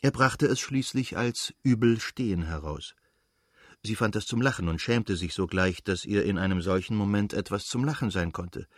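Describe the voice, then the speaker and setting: A man with a husky voice narrating a novel in a measured, even manner. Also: on the low side, no echo, clean studio sound. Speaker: audiobook narrator.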